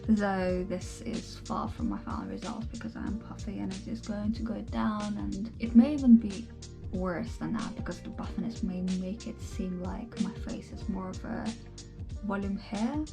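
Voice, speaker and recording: A woman's voice: mid-range voice, very animated, normal speed, creaky, over music. Lispy woman recovering from jaw surgery. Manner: candid, swears casually. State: swollen face, lispy after jaw surgery. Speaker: vlogger. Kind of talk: casual vlog chat. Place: home.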